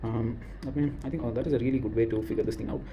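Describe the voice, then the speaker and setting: A man with an Indian accent talking through his screen in a casual walkthrough, thinking aloud and pausing on fillers. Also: medium pitch, fairly even intonation, music in the background. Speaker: creator.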